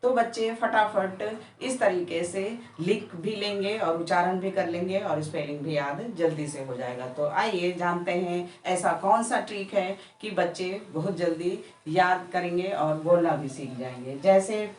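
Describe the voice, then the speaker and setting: Unhurried lady teacher, draws out each example word, roomy echo. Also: fairly low pitch, a little mellow, distant mic. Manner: stretches out example words one by one. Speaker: English teacher. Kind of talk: slow, patient spoken lesson. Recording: echoey room, voice a bit off-mic.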